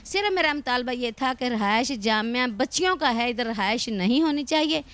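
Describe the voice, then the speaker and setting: Middle-aged woman, school head, high voice, aggrieved, long explanations. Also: expressive, a bit bright. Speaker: madrasa head. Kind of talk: news interview.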